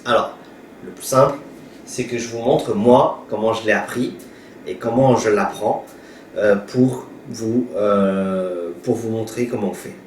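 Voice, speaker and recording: A man with Hmong as his first language teaches a language lesson at a very unhurried pace, patiently repeating each sound aloud. His voice sits back from the microphone in an echoey room. A faint hum of ambience runs underneath. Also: fairly low pitch, darkish tone, distant mic. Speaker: pastor teaching Hmong reading. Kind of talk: slow spoken language lesson. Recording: roomy echo, voice from afar, faint ambience.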